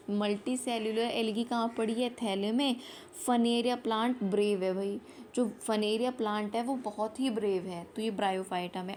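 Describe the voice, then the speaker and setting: A woman teacher running a quick exam revision lesson, asking each question and repeating the answer so it sticks. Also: a little high, slight background noise. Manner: repeats each answer, mixes Hindi with English terms. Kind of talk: fast quiz-style revision lesson.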